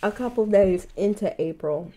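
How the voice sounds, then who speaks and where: A woman's voice: mid-range voice, moderate pace, warm tone, rough recording. A woman chatting casually to her viewers on a mukbang vlog, biting into food while she talks. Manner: chatty, addresses viewers as y'all. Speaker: mukbang vlogger. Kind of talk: casual chat while eating.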